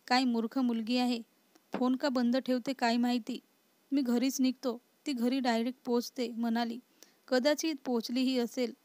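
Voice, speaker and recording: स्त्री निवेदिकेने वाचलेला चिडका तरुण नवरा, रागावून बोलणारा, कोरडा आवाज. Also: female voice, a little high, level tone, normal speed, a little mellow, no echo, natural voice. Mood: irritated. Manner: scolding, exasperated. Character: short-tempered, protective young husband. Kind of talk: storybook reading.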